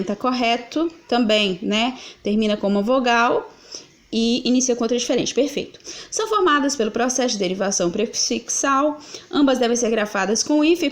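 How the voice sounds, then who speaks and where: A woman's voice: on the high side, slight background noise. A woman explaining grammar answers as a teacher, patiently asking questions and answering them herself. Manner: patient, asks and answers her own questions. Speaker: Portuguese teacher.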